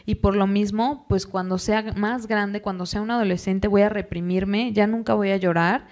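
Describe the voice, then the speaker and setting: Guest psychologist, woman, patient explanatory delivery, mid pitch. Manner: calm, explanatory, acts out parents and children in quick quoted asides. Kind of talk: podcast interview.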